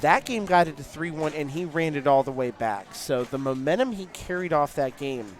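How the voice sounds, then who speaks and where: A man's voice: fairly high pitch, animated, normal speed. A man calling a live tournament as play-by-play commentator, explaining at length with frequent fillers. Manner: analytical, long explanatory runs with fillers.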